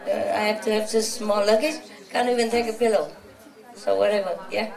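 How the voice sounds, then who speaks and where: A woman's voice: medium pitch, fairly even intonation, brisk, creaky, darkish tone. A woman spiritual teacher giving an informal, chatty talk to a gathering, teasing and laughing often. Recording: roomy, from a distance.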